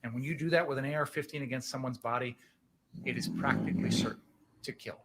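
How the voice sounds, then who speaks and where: A man's voice: medium pitch, lively intonation, fast talker, vocal fry, very noisy. Passionate male prosecutor delivering a closing argument. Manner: passionate, emphatic, rhetorical questions and repetition. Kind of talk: courtroom closing argument to a jury.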